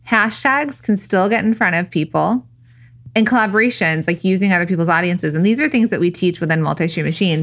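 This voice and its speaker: A woman's voice: medium pitch, a bit bright. A woman co-hosting a marketing podcast, chatty and joking, laughing often. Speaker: podcast co-host. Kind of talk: casual podcast chat.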